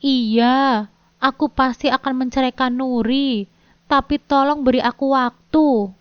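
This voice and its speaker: A woman's voice: high-pitched, steady tone, measured pace, clear, resonant tone, no room sound. A woman voicing a guilty husband who answers in a hesitant, stammering way. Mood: hushed. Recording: dull dry lo-fi recording.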